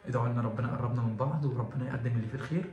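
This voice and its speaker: A young man with an Egyptian Arabic accent talking to his viewers in a heartfelt, halting vlog, repeating himself and restarting often. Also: medium pitch, fairly even intonation, darkish tone, muffled recording. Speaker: vlogger. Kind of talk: confessional vlog talk to viewers. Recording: echoey room with faint music behind.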